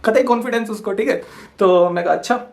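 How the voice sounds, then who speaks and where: A young man casually telling a funny personal story, lively and laughing often as he acts out what people said. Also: high-pitched, a little fast, creaky.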